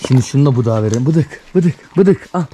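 A man doing casual vlog commentary, talking excitedly to puppies as he feeds them. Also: medium pitch, brisk, heavy background noise. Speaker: vlogger.

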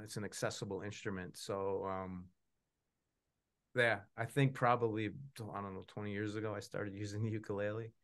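On a video call from an indoor room at home, a middle-aged puppeteer answers audience questions in a casual, rambling, self-effacing chat. His voice sits on the low side with a fairly bright tone.

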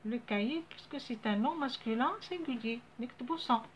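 Algerian woman teacher, slow careful dictation. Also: on the high side. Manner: slow, deliberate dictation of French words, switching to fast Arabic explanations. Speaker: primary school teacher. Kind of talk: classroom lesson explaining French grammar. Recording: dull lo-fi audio with faint ambient noise.

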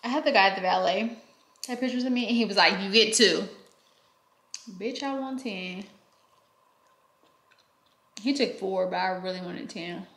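A woman's voice: medium pitch, moderate pace, pauses often, fairly bright tone, echoey room. A young woman chatting casually in a vlog at home, talking to her phone, slangy, laughing and dramatic. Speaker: vlogger. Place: at home, indoors.

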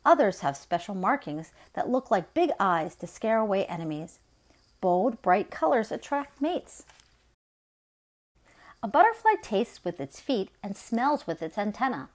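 Reading expressively and with deliberate care, a middle-aged woman leads story time using a children's nonfiction picture book. Her voice sits in the mid range.

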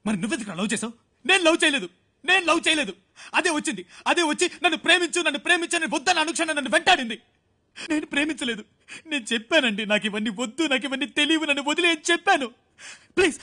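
A man's voice: very high-pitched, pushed and bright. A man playing a jilted young orphan in a film drama, anguished and crying, ranting and repeating his words. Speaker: heartbroken orphan lover. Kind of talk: Telugu film drama acting.

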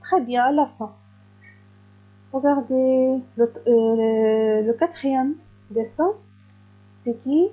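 A woman teaching a recorded reading lesson to young pupils, stretching each word slowly and clearly with patient encouragement. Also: sits high, narrow, tinny audio, faint music behind. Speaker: primary school teacher.

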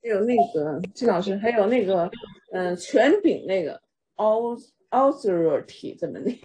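A woman's voice: medium pitch, lively intonation, unhurried, warm tone, husky. A woman student asking her teacher questions and carefully repeating English words after her.

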